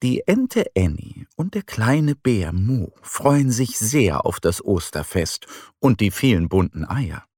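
A man reads a bedtime-style children's story slowly and gently, with a husky voice. His pitch moves a lot as he acts out the scenes, and the recording is dry and close. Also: sing-song, no echo. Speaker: narrator. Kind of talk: children's audio story reading.

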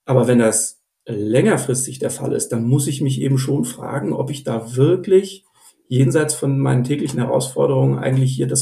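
A man's voice: medium pitch, creaky, warm tone, roomy sound. A man speaking as an investor guest on a podcast, thinking aloud with many fillers and restarts. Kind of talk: podcast interview.

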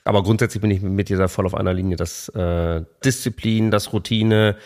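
A man's voice: on the low side, fairly even intonation, a little fast, a little mellow. A man hosting a podcast interview who speaks reflectively and hesitantly, with fillers and a frequent questioning "ne?" tag. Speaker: podcast host.

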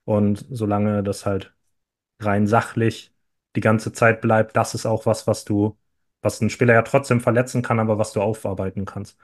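Flat-toned man, measured podcast guest. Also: fairly low pitch. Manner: measured, thoughtful. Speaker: guest, youth football coach and sports teacher. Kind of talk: conversational interview.

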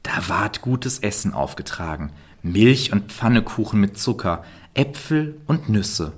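A man with a very low voice reads a fairy tale aloud, calm and measured. He tells the story with steady pacing and clear phrasing.

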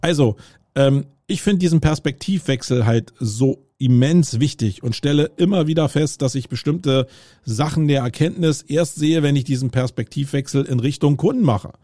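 This casual solo podcast monologue comes from a middle-aged German host talking aloud outdoors on a city street with roadwork noise, with many fillers and restarts along the way. His voice is medium-pitched and mellow at a moderate pace, with no echo.

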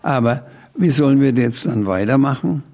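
An older man voicing a cheeky rhyming creature who bosses a class of children through a poem, in a gravelly storybook voice. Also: medium pitch, animated, moderate pace, darkish tone, natural voice. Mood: playful. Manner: playful, praising and correcting the children.

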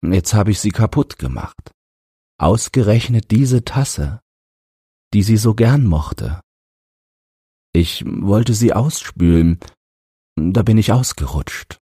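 A man playing a gentle, helpless father who talks in a soothing, apologetic way. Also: on the low side, expressive, slow, long pauses, slightly rough, no room sound, clean studio sound, voice pushed up, exaggerated voice.

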